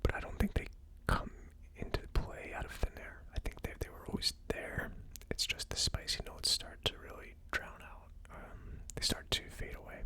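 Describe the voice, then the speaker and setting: Hosting a whiskey tasting channel, an ASMR presenter whispers a tasting review. The delivery is hushed, unhurried and musing.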